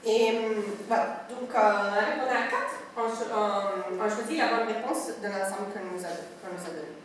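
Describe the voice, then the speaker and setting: A woman's voice: medium pitch, moderate pace. A woman giving a university lecture to a class, explaining step by step with frequent hesitations and fillers. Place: classroom at a summer school. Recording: very echoey room, distant mic, faint noise.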